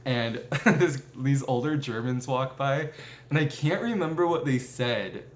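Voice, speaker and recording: This young American man in his twenties has a mid-range, unhurried voice. Vlogging from a table indoors, he rambles through casual show-and-tell stories full of "like" fillers and self-corrections. The room gives a roomy echo with faint ambience.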